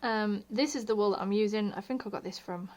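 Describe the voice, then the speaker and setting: A woman's voice: medium pitch, fairly quick, a little mellow. Chatty woman teaching crochet. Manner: chatty, self-deprecating, drops to murmurs while working; says she has her posh telephone voice on. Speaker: crochet tutorial host. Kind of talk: casual home tutorial.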